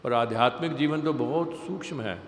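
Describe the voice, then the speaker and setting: A man's voice: medium pitch, brisk, a little hiss or hum. Man giving a devotional class in an echoey hall. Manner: explains with everyday examples, stresses points by repeating. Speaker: temple class speaker. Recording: echoey hall with faint ambience.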